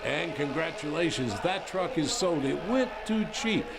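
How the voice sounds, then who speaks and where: A man's voice: on the high side, lively intonation, measured pace, gravelly, over a noisy crowd. A man hosting an auction broadcast with presenter-style commentary. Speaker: auction show host.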